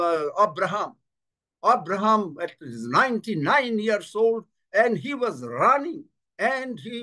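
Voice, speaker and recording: Very slow high-voiced preacher. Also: male voice, sharp tone. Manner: slow, emphatic, repeats key phrases; translates himself between two languages. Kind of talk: bilingual sermon. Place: church service.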